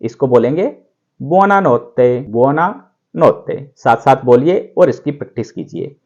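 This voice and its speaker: Male language teacher, mid-pitched, slow drilled repetition, slightly dull lo-fi audio. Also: animated, dark tone. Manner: slow, drawn-out repetition of words for practice. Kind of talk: instructional video lesson.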